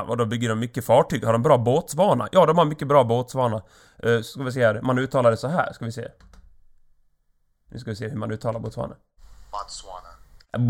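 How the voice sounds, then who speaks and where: A man hosts his own podcast alone, with a mid-pitched voice that sits in the usual range. He rambles from one thought to the next in an offhand way. His humor is crude and loose. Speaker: podcast host. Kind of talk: solo comedic podcast monologue.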